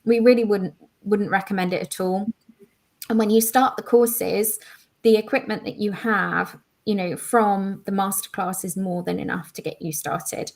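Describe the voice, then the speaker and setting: An enthusiastic woman co-hosts a live online quiz. She explains each answer at length in relaxed, chatty talk. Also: mid-range voice, normal speed, gravelly. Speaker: education manager co-hosting a live quiz. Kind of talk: casual live-stream chat.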